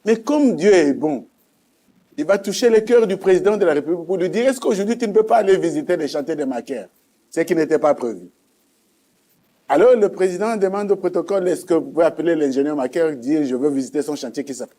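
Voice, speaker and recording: Animated and fast-talking, a Congolese-accented guest tells his religious testimony as a story in a soft, mellow, rather high male voice. He's emphatic throughout, restating key points for effect.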